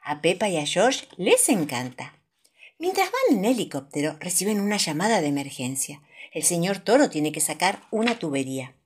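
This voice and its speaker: A woman with a Rioplatense accent reading children's stories aloud in an expressive, sing-song way. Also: lowish voice, moderate pace, slightly rough. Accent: Rioplatense Spanish. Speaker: storyteller.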